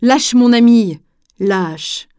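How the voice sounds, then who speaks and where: A woman's voice: fairly high pitch, moderate pace, darkish tone, no room sound, clean studio sound, close to an everyday voice. Woman doing a timid young lion. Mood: determined. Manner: pleading, trembling worry. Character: timid young male lion, fearful but brave.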